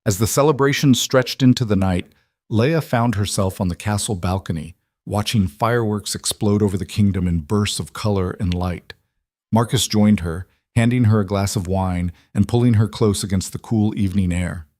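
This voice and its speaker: A man narrating a romance story in a steady, scripted audiobook reading. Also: on the low side, moderate pace, no room sound, studio quality.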